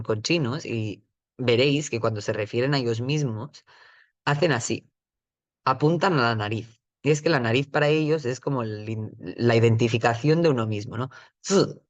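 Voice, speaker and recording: A Chinese teacher, male, runs a patient vocabulary lesson with lots of explanation, frequently checking in with the listener and repeating words slowly at a higher pitch. The recording is dry.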